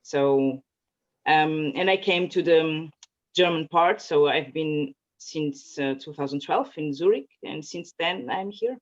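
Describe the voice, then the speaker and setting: A native Portuguese speaker from Portugal, a woman with a low, unhurried voice, answers interview questions as a guest, sounding casual and hesitant with many fillers and restarts. She's at home in Zurich, and the audio is muffled and lo-fi.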